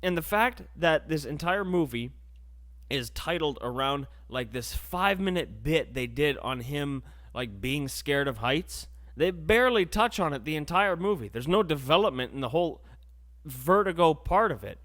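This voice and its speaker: A man's voice: fairly high pitch, expressive, normal speed, a bit bright. A young man hosting a podcast, ranting in a casual, sarcastic, rambling way. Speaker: podcast host. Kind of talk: casual comedic rant.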